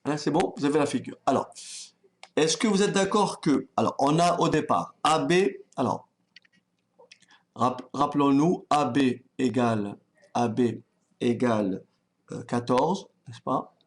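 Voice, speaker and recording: A man teaching maths at a slow, unhurried pace, calm and patient. He thinks aloud while writing and keeps checking that his students are following. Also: medium pitch. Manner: talks directly to students, checks they follow. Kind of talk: online exam-prep lesson.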